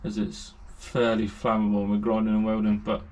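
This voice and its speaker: A man's voice: lowish voice, completely flat delivery, fairly quick, darkish tone, slight background noise. A man with a British English accent narrating a casual workshop vlog while building a race car, chatty and rambling with lots of fillers, a little out of breath from the heat. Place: hot garage workshop.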